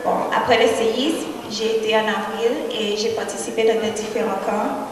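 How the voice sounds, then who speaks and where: A young non-native French-speaking woman with a foreign accent, giving a personal speech on stage in a halting, repetitive manner. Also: mid-range voice, level tone. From Haiti. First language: not French. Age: young adult. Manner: halting, repeats phrases. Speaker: professional model and pageant contestant. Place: large hall with crowd. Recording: very echoey hall, distant, audience noise.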